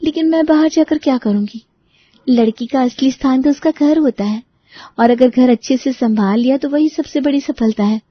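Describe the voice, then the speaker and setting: A woman's voice: sits high, normal speed, no room sound, muffled recording, pitched above the performer's own voice. A woman voicing a shy, traditional young woman who answers meekly and politely. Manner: meek, polite.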